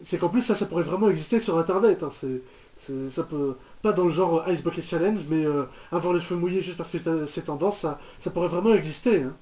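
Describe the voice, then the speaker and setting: On a roomy, dull lo-fi mic, a man hosting a reaction video offers casual, rambling, mock-exasperated commentary on a cartoon, often saying things twice. His mellow voice is on the high side and brisk.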